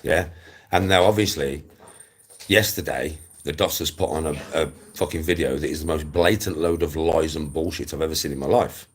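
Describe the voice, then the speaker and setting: With a very deep, slightly rough voice at a moderate pace, a forties-aged English live streamer delivers a casual, blunt rant peppered with swearing, repeating himself to press his points.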